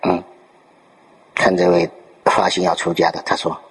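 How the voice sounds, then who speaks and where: A man giving a Buddhist dharma talk, telling a Zen story with lively storytelling and rhetorical questions to his listeners. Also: low voice, normal speed, vocal fry. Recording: long reverb in a hall.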